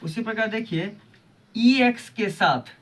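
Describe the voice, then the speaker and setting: This man's voice is high-pitched, a bit bright, and a little slow, recorded on a distant mic. He runs a video channel where he teaches English pronunciation rules, patiently repeating each example and asking rhetorical questions.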